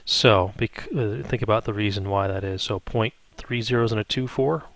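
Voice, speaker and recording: A math instructor with a fairly low, slightly bright voice walks through an improvised step-by-step spreadsheet tutorial at a moderate pace. He thinks aloud as he goes and often checks in with tags like "right?", and the recording is dry with no room sound.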